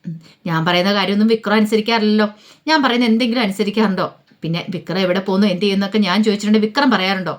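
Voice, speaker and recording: A woman's voice: mid-range voice, fairly even intonation, rapid-fire, natural voice. Veda, a woman reading a defiant young wife. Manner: sharp, defiant retorts.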